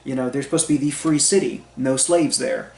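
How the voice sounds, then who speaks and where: A man talks through a book review in a loose, easygoing way, stopping often for ums and uhs. His voice sits at an ordinary middle pitch. The room is echoey, and a faint hum runs underneath. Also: fairly quick, vocal fry, a little mellow. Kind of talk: casual spoken book review. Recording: roomy echo with faint background hum.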